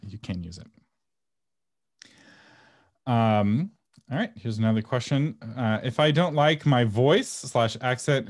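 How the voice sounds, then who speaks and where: A man's voice: on the low side, no echo, clean studio sound. A man presenting a webinar and answering audience questions in a casual, frank way, often laughing and sometimes breaking into a passionate rant. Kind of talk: casual Q&A teaching.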